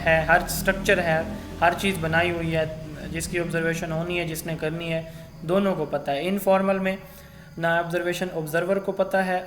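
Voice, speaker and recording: A man delivers a recorded lecture. His voice sits a little high, and he keeps asking questions and working through everyday school examples. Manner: explains with classroom examples and quiz questions.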